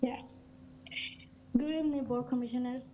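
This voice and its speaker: A student, a young woman, reading a prepared public comment at a school board meeting in a formal, steady way with small slips. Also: high voice, moderate pace, a little hiss or hum, rough recording. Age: teens.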